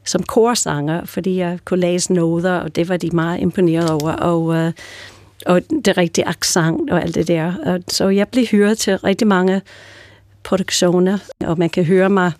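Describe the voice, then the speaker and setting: A woman's voice: on the low side, little pitch movement, darkish tone, no room sound. An older woman from the United States with an American accent, chatting as a guest and telling stories with many fillers and restarts. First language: English. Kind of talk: casual chat.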